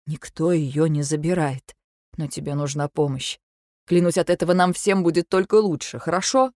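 A woman voicing a worried young husband who speaks softly, low and insistently. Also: normal speed, no echo, clean studio sound, lightly acted. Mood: firm. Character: worried young husband, gentle but firm.

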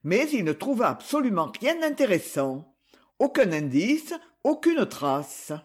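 A male narrator reads a detective novel aloud with drama and expression. His voice is high for a man and husky, and it swoops through a lively, animated melody. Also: measured pace. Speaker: audiobook narrator. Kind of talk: audiobook narration.

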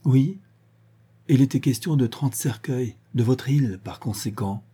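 A man's voice: mid-range voice, measured pace, warm tone, slightly rough. A man reading an anxious young woman. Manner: anxious, pleading. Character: young woman seeking her lost son.

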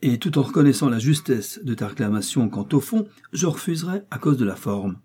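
A man's voice: mid-range voice, animated, a little fast, dark tone, husky, voice pushed up. A man reading an audiobook, voicing a young male musketeer who speaks coldly and with precise irony. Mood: coolly mocking. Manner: cool, mocking, precise.

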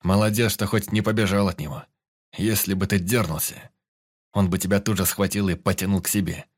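A man voicing a hoarse, brash wounded brawler. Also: sits low, little pitch movement, a little fast, no room sound, studio quality. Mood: boastful. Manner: shouting, bullying, boastful. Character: brash wounded male fighter, hot-tempered boaster. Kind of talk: audiobook character reading.

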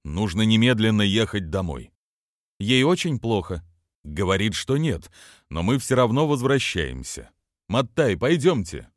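A man's voice: on the low side, big pitch swings, measured pace, dry recording. A male reader voicing a stiff, somewhat prim, worried middle-aged father in a dry audiobook recording. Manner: slightly prim, terse.

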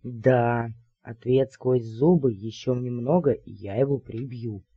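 A man narrating an audiobook in the first person, in a soft, dry reading voice. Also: medium pitch, unhurried, husky, no room sound, lo-fi sound.

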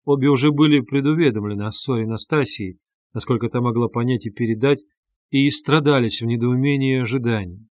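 A man narrating a classic novel as an audiobook in a measured, even reading, with a dry studio sound. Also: medium pitch, no echo. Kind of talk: scripted literary narration.

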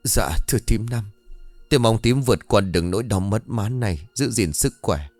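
A man voicing a kindly older village woman who gently consoles a grieving mother. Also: fairly low pitch, lively intonation, moderate pace, no room sound, faint music behind. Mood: consoling.

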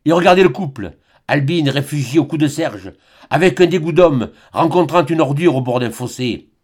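A man narrating a classic novel as an audiobook reader, in a measured, dramatic way. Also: fairly high pitch, expressive, a little mellow, slightly rough.

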